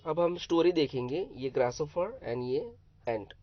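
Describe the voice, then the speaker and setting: A man teaching young pupils new words, spelling each one letter by letter and then explaining it slowly and patiently. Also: on the high side. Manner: slow, patient, repetitive. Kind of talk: vocabulary lesson for young pupils. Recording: dull, dry lo-fi sound.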